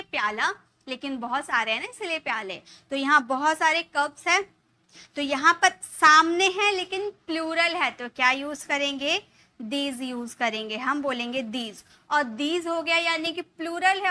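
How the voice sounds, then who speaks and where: A woman's voice: high-pitched, pushed and bright. A woman teaching a spoken English lesson in Hindi, explaining step by step and asking and answering her own questions.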